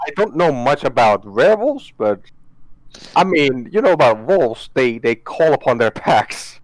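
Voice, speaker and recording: A man's voice: medium pitch, sing-song, a little slow, rough recording. A man talking casually as a player during a tabletop role-playing game.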